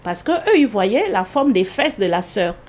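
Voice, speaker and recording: A woman giving an earnest spoken religious testimony in an interview, repeating phrases often and pausing with hesitations. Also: very animated, a little mellow. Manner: earnest, repetitive, with many hesitations; rises sharply in pitch when quoting her own pleas.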